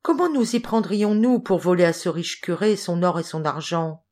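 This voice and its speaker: A woman voicing gruff grown men who scheme as thieves in a storybook, speaking in an urgent manner. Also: fairly low pitch, moderate pace, darkish tone, close to an everyday voice.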